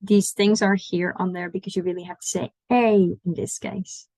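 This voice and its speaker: A woman's voice: medium pitch, flat delivery, moderate pace, dark tone, no echo, poor audio. A woman giving an online language lesson, patiently explaining pronunciation and inviting the listener to repeat after her. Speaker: language teacher.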